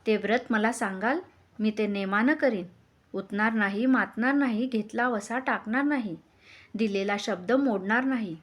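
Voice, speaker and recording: A woman's voice: mid-range voice, normal speed, natural voice. A woman voicing a humble, anxious palace maidservant in a folk tale. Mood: pleading.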